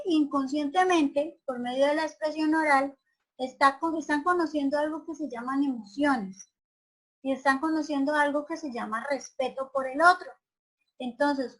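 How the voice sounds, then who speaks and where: High-voiced woman teaching. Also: poor audio. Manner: asks many questions, often ends with "¿cierto?". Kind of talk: online class lecture.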